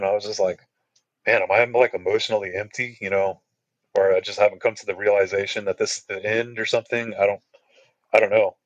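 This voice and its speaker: A man's voice: fairly low pitch, dry recording, dull audio. A man telling hiking stories in a loose, rambling way, full of "you know" and "like", as a guest on a podcast. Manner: rambling, laid-back, many fillers like "you know" and "like". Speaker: podcast guest, long-distance hiker. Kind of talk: casual storytelling chat.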